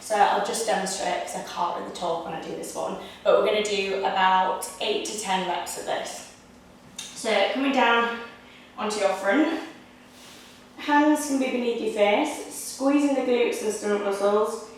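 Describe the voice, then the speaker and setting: A young woman leading a Pilates workout, giving steady, encouraging step-by-step cues. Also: mid-range voice, measured pace, recorded from a distance, a little hiss or hum. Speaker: Pilates instructor. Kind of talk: guided exercise instruction. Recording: echoey room, voice picked up from afar.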